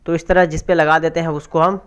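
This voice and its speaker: A man's voice: on the high side, flat delivery, fast talker, clean tone. A man teaching an exam preparation grammar lesson, explaining step by step and asking and answering his own questions. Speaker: Urdu language teacher.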